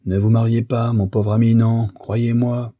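A man's voice: on the low side, normal speed, warm tone, slightly rough, no room sound, studio quality. A man voicing an evasive, blustering middle-aged husband who protests in a flustered way. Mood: exasperated.

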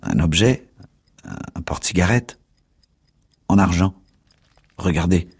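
A tense, feverish young man, read by a male narrator who snaps out short, brusque replies. The voice is deep and roughly husky. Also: takes it slowly, exaggerated voice.

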